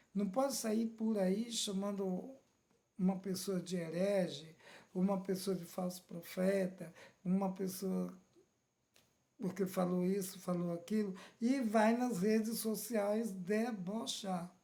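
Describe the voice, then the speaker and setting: Brazilian lady preaching, unhurried, soft dark tone, keeps asking amen?. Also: mid-range voice. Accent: Brazilian Portuguese. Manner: slow, questioning, asks "Amém?" and "né?" often. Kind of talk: sermon.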